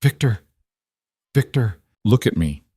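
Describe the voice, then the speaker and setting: A man's voice: mid-range voice, very animated, takes it slowly, warm tone, slightly rough, no room sound, studio quality, exaggerated voice. A man voicing a young duchess who pleads and gives urgent orders in a raised voice. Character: young duchess, frantic and commanding.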